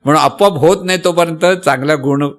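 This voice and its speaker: A man's voice: a little high, quick pace. A man with a Marathi accent giving a devotional sermon, teaching patiently, repeating points and asking the listeners rhetorical questions. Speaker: spiritual teacher.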